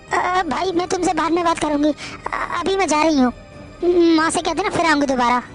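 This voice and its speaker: Woman voicing a dutiful young wife in a family drama, high voice, calming everyone down. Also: normal speed, over music. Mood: placating.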